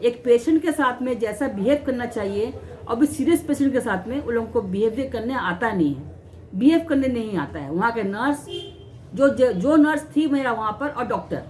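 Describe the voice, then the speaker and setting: A woman vlogger telling a personal story to camera, aggrieved and halting, often repeating and restarting words. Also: a little high, expressive, darkish tone. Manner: aggrieved, recounting mistreatment.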